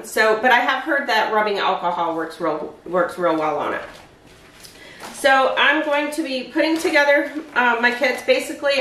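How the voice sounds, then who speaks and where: A woman in her forties casually walks viewers through her meal prep in her home kitchen, explaining every step in a chatty way. Her voice is on the high side, bright and forceful. A far camera records the echoey kitchen from a distance.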